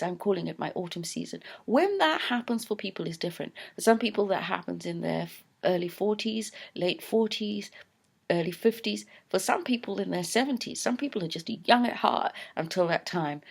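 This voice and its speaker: A woman's voice: fairly low pitch, vocal fry, breathy edge. A woman in her fifties talking to camera in a casual vlog, reflective and hesitant, with many fillers and restarts. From London. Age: 50s. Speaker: channel owner. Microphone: close camera framed on mouth.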